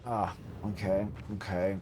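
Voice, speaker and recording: A man with a low, slow voice commenting casually on his game. He mutters his thoughts aloud over clearly audible game noise. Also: steady tone, mellow. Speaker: gamer.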